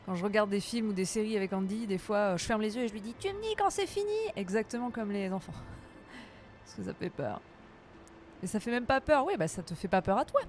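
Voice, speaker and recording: A woman chatting casually with her live-stream audience while gaming, playful and quick to laugh, her voice a little tired. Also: medium pitch, slight background noise.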